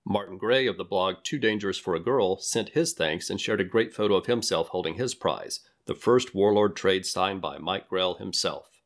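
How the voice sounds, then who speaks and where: A man with a low voice co-hosts a podcast and reads listener messages aloud. His delivery stays even and friendly. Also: moderate pace. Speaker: podcast co-host. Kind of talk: reading listener mail.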